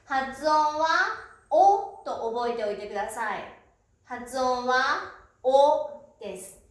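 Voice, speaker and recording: A woman teaching a pronunciation lesson, who says each syllable slowly and clearly and fills pauses with a soft "un". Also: high voice, animated. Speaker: Japanese teacher. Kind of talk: slow, deliberate pronunciation lesson. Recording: very echoey room.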